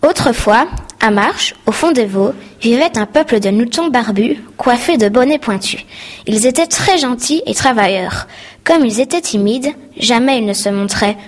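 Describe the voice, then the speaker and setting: A woman narrating a children's storybook in a clear reading voice. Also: fairly high pitch, expressive, normal speed. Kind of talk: scripted narration.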